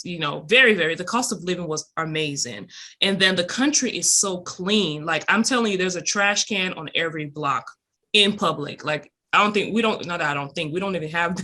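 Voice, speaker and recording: A woman from Cameroon speaks as an interview guest with a bright, clear tone. Her telling is animated and emphatic. She leans into key words as she goes. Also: fairly low pitch. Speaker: podcast guest, entrepreneur. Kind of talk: conversational interview.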